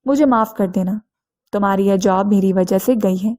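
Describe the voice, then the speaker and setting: A woman voicing a blunt, self-assured young wealthy man who speaks calmly and matter-of-factly. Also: mid-range voice, natural voice.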